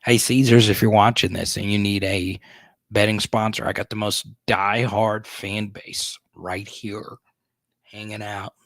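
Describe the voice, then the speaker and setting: Reading viewer comments on his sports podcast livestream, a thirty-something host chats casually, laughs a lot, and trips over restarts. He speaks at a measured pace in a lowish, level voice, and the recording is dry.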